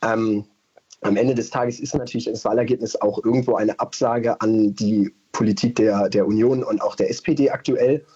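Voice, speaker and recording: A man's voice: fairly low pitch, steady tone, normal speed, warm tone, husky, dull audio. A man from Berlin answering as a radio interview guest, thoughtful and hesitant, with many fillers. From Berlin, Germany. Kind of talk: casual interview.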